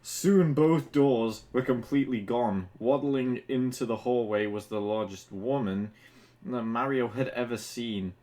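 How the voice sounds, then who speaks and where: Warm and unhurried, this medium-pitched man sounds drunk as he reads fan fiction aloud for comic effect. He trips over words and keeps stopping to mock the writing with sweary asides, playing the casual reader and commentator.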